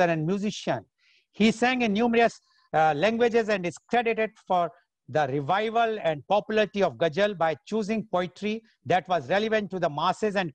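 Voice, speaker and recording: A man with a North Indian accent hosting an online music show, speaking in a halting, hesitant way. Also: sits high, no echo. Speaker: host of an online singing show. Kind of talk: informal event hosting, reading out comments and an artist introduction.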